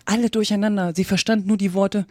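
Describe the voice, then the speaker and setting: A woman narrating a storybook in a steady, even reading voice. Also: mid-range voice, a little fast, dry recording, studio quality. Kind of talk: audiobook reading.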